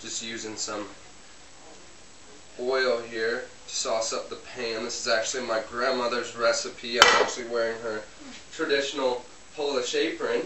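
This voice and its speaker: A man with a natural, medium-pitched voice speaks steadily at a moderate pace, playing a young Polish man interviewed while cooking in his home kitchen. Relaxed but hesitant, he fills gaps with ums in this amateur comedy sketch. A far-off camera mic makes the home video sound roomy, distant, and hissy.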